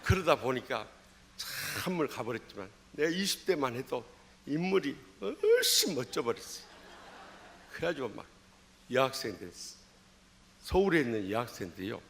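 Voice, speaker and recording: A man's voice: medium pitch, wildly swooping pitch, moderate pace, pauses often, fairly bright tone, slight background noise. A man in his sixties with a Jeolla accent, a pastor telling a personal story in a dawn sermon with dramatic swings of voice. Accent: Jeolla Korean. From Jeolla, Korea. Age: 60s. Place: church sanctuary.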